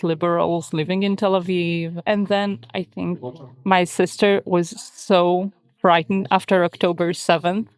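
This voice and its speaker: A woman in her thirties with an Israeli accent, speaking English as a second language in a casual interview, often pausing on "like" and other fillers. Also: lowish voice. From Israel, born in Russia. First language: Hebrew. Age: 30s. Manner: hesitant, many "like" fillers. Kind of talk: casual conversation. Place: hotel bomb shelter.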